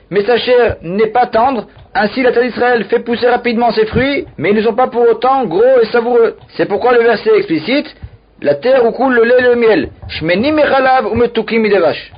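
A man's voice: extremely high pitch, dull audio. A man teaching a religious text, reading each phrase aloud and then explaining it in French. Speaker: Talmud teacher.

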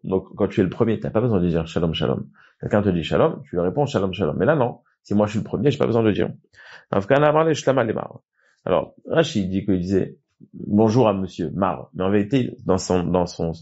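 A man's voice: lowish voice, a little mellow. A man teaching a Talmud class who reads short phrases aloud and then explains them, with frequent restarts. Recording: dull lo-fi recording.

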